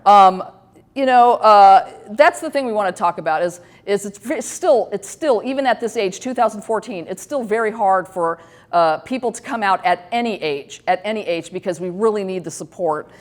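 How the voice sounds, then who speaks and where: This woman, in her fifties, is a talk show host giving a loose, candid monologue full of self-deprecating jokes, fillers, and restarts. Her mid-range voice has lively intonation and moves at normal speed.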